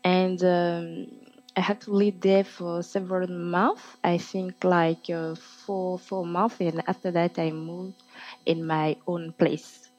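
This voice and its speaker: A woman in her twenties from Ivory Coast, a native French speaker, answering in halting English with an Ivorian French accent in a casual interview. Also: fairly low pitch, little pitch movement, darkish tone, highs cut off. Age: 20s. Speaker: interview guest.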